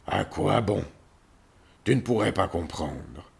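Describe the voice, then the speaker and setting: A sulky, growling lion in a children's story, lonely and quick to anger, as a man puts him on. His voice is deep and gravelly, with a husky edge. He speaks slowly. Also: lively intonation, heavily acted. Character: grumpy lonely male lion, king of animals.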